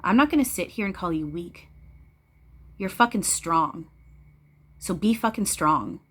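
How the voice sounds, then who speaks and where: A woman with a slightly low-pitched voice speaks straight to her viewers in a casual spiritual talk. She is emphatic and blunt, swears freely, and drives her points home by repeating short phrases. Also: lively intonation, measured pace, fairly bright tone, breathy edge.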